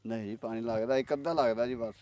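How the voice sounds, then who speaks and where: A man with a rural Pakistani Punjabi accent answers casual farming questions politely and briefly. His medium-pitched voice is mellow and relaxed in tone, though the words come fast. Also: distant mic. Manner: polite, deferential short answers. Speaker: farmer, vlog guest. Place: outdoors in a farm field.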